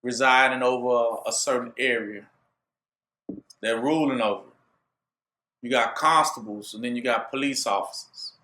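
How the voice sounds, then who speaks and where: A man's voice: mid-range voice, steady tone, moderate pace, long pauses, pushed and bright, echoey room. A man preaching a sermon, drawing his listeners in with rhetorical questions he leaves for them to finish. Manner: call-and-response rhetorical questions.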